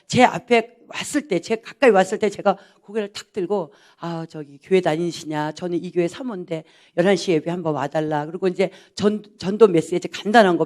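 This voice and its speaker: A pastor's wife giving a personal testimony, telling her story in a lively way and acting out the dialogue. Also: mid-range voice. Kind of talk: personal testimony to a church audience.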